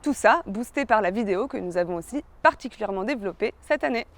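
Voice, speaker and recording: A woman's voice: mid-range voice, animated, quick pace. A woman delivers a scripted corporate presentation. She speaks as the team's social media presenter.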